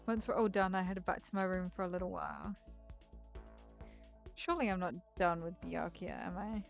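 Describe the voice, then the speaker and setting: Woman streamer, mid-pitch, reads game text aloud with chatty asides, dull lo-fi mic, faint music behind. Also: normal speed, gravelly. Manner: reads every character's lines in her own voice, with asides. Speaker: game streamer reading all dialogue aloud. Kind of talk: casual playthrough, reading game text aloud.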